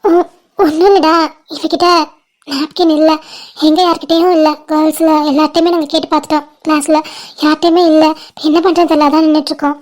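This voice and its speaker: A woman's voice: high voice, little pitch movement, fast talker, a little mellow, close to an everyday voice. A woman voicing chatty young college girls in a cartoon, pleading and bossing the boys around affectionately. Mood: embarrassed. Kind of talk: cartoon voice acting.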